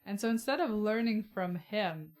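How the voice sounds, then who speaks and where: A woman's voice: medium pitch, animated, normal speed, darkish tone. A young woman co-hosting a casual book-discussion podcast, blunt and emphatic, swearing freely as she makes her points. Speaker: podcast co-host.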